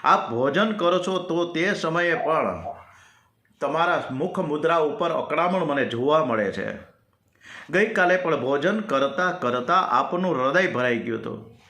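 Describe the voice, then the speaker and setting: A man's voice: on the high side, lively intonation, unhurried, bright, forceful tone, full character voice. Guy reading as a worried devoted friend, pleading, earnest questions, echoey room. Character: devoted male companion, anxious and pleading. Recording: roomy echo.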